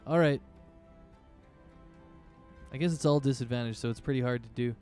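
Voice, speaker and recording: A man with a medium-pitched, slightly mellow voice works as game master, casually narrating a tabletop fantasy game and thinking aloud as he goes. He speaks at a moderate pace, with faint music in the background.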